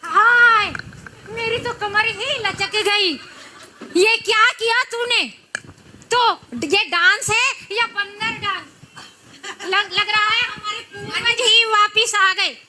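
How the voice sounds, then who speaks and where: Woman as a wailing mother-in-law, piercing bright high voice, very slow and drawn out, amateur stage comedy. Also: fairly even intonation, slight background noise, full character voice. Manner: wailing, melodramatic complaining. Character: dramatic fussy second mother-in-law.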